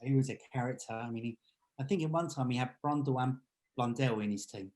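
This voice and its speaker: A man's voice: mid-range voice, fast, a little mellow, low-quality recording. Brief: middle-aged man, casual podcast co-host, playful, laughs a lot. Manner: chatty, jokey, laughs often. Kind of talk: casual chat.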